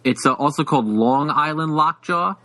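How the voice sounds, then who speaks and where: Halting, rambling podcast guy. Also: on the high side, a bit bright, low-quality recording. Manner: halting, many fillers and restarts, laughs often. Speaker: podcast co-host. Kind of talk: casual chat.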